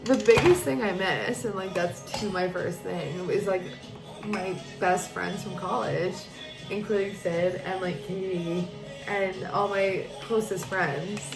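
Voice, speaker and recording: A woman's voice: mid-range voice, fairly even intonation, unhurried. A woman in her twenties, drunk and giggly, chatting casually and effusively with a friend, rambling and swearing freely. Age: 20s. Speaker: vlogger doing a drinking makeup challenge. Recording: echoey room, music behind.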